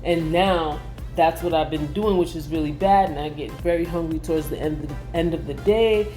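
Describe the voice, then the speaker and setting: A woman talks casually to her camera as a vlogger. Her voice sits a little low and has a dark, relaxed tone. She speaks in a loose, conversational way, with faint music behind her. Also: moderate pace. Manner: conversational, frequently saying "like".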